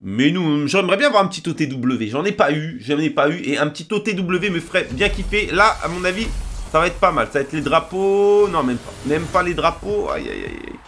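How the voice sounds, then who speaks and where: A young man commenting as he opens packs in a game, often shouting and repeating names in excitement. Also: a little high, fairly quick, a little hiss or hum. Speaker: gaming video creator. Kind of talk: excited pack-opening commentary.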